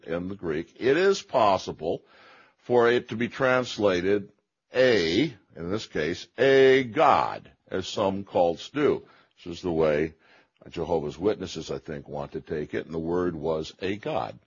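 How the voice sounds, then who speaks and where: A man's voice: low voice, breathy edge, muffled recording. A man giving a theology lecture, explaining carefully, correcting himself and stressing key phrases.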